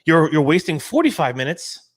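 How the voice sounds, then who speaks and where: A man hosting a casual live-stream talk show, animated and repeating himself as he restarts sentences. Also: fairly high pitch, moderate pace, breathy edge. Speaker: show host.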